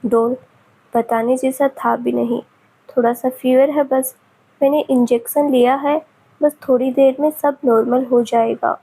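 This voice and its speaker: A woman voicing a feverish young man who speaks softly and possessively to his beloved. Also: high-pitched, gravelly, slightly rough, exaggerated voice, poor audio. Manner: soft, soothing.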